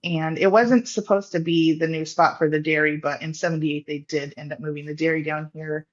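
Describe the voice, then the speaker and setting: A woman's voice: sits low, fairly even intonation, fairly quick. A woman who farms in California, a guest on a podcast, talking in a friendly, chatty way and laughing easily. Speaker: farm founder and guest. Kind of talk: casual podcast interview. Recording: slightly dull lo-fi sound.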